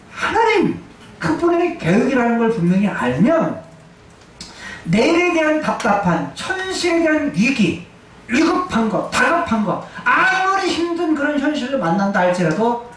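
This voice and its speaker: A man's voice: extremely high pitch, a bit bright. A male pastor preaching a sermon, emphatic, asking and answering his own questions. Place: church sanctuary. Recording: echoey church hall, distant mic.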